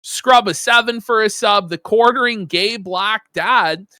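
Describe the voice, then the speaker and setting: A woman's voice: mid-range voice, unhurried, bright, forceful tone, dry recording, clean studio sound. A woman co-hosting a livestream, reading donation messages aloud in casual commentary, laughing and swearing freely. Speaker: stream co-host reading donations.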